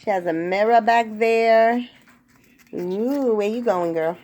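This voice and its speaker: A woman's voice: a little high, takes it slowly, darkish tone. A woman casually talking to her pet parrot, coaxing it in a sing-song voice and dropping in Spanish pet words. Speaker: pet bird owner.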